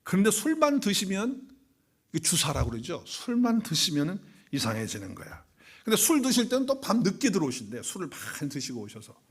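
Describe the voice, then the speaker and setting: Guy pastor preaching sunday, chatty and story-ish, kinda high voice. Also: huge pitch swings, a little fast, husky. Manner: conversational, storytelling, chuckling. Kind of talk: sermon. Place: church sanctuary.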